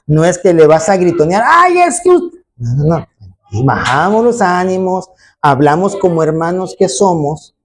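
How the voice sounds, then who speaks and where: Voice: medium pitch, a little mellow. A preacher gives an emphatic sermon to a congregation, often tagging questions and acting out quoted voices. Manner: emphatic, frequent rhetorical tag questions, acts out quoted voices. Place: church congregation.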